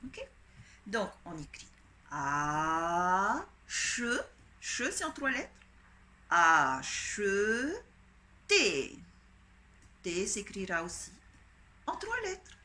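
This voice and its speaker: Patient woman teacher, slow lively dictation. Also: medium pitch. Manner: patient, spells out letters and strokes step by step. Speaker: primary school teacher. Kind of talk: slow dictation lesson for children. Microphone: home recording for an online class.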